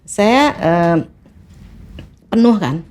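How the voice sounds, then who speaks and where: A middle-aged woman, a podcast guest, telling a story with animated acted-out dialogue and frequent laughs. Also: medium pitch, drawn-out words. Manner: acts out dialogue with lively voices, laughs often. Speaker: podcast guest, English teacher.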